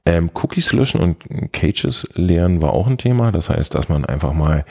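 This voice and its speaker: A man with a very deep, mellow voice talks through tech tips in a relaxed podcast chat. He hesitates often, filling gaps with ums as he explains step by step. His tone has a husky edge. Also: moderate pace. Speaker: podcast co-host.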